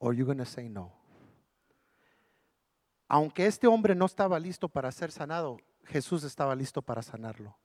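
A man's voice: medium pitch, animated, normal speed, long pauses, a little mellow, dry recording, studio quality. A man preaching a bilingual sermon, repeating lines for emphasis and asking the congregation rhetorical questions. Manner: switches between Spanish and English, repeats lines for emphasis.

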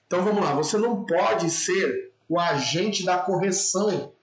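A man's voice: high-pitched, normal speed, echoey room, low-quality recording. A man with a Brazilian Portuguese accent, a dog trainer giving an emphatic instructional talk straight to the viewer and often checking that they follow. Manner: emphatic, addresses the viewer directly with repeated checks.

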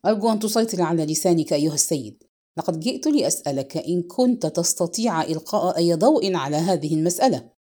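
Woman voicing a gruff, deep-voiced police chief. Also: animated, fairly quick, mellow. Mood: stern. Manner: gruff, clipped and controlled. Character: stern middle-aged male police chief.

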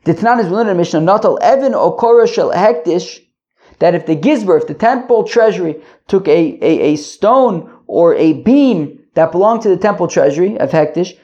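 A man teaches Talmud informally, reading aloud and explaining line by line, haltingly, thinking aloud and repeating phrases. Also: sits high, lively intonation, mellow. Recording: dull lo-fi recording.

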